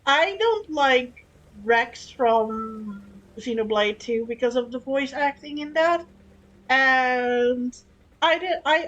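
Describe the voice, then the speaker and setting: A woman with a somewhat high voice chats on a live stream, frank and loose with her words. She swears easily, trips over her own starts and keeps going. Quiet game music plays faintly behind her. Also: low-quality recording. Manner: chatty, frank, swears, many restarts. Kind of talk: casual live-stream chat while gaming.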